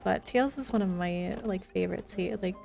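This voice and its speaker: Brisk and warm, with a gravelly mid-range voice, the woman talks casually to her viewers and answers them during a live video game stream. She's indoors, and soft music plays in the background.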